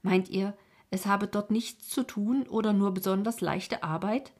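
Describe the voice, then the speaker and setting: A woman voicing a kind, firm colonel's wife who talks a sick man round calmly. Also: medium pitch, measured pace, natural voice. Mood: persuasive. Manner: calm, soothing persuasion.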